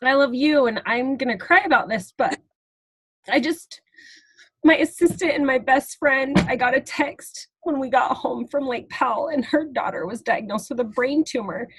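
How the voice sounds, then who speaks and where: A woman's voice: high-pitched, slightly rough, dry recording, poor audio. A woman hosting a team webinar over a video call, talking in an emotional, rambling way with many restarts. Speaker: team leader, webinar host. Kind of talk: casual team webinar talk.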